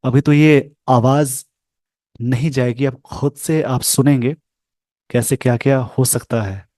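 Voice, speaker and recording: A man teaching English pronunciation over a screen share, speaking slowly and carefully and repeating sounds for his learners. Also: mid-range voice, fairly even intonation, warm tone, no echo.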